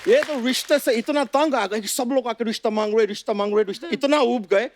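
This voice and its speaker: A man's voice: very high-pitched, a little fast, no room sound, studio quality, soft background music, some chatter behind. A man on a comedy stage putting on a bumbling, word-fumbling fan who claims to be a Hollywood producer, mixing broken Hindi with English. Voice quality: stammering over big words, mixes English. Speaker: comedian in a sketch. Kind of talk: comic sketch impression with broken Hindi grammar. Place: TV studio stage with audience.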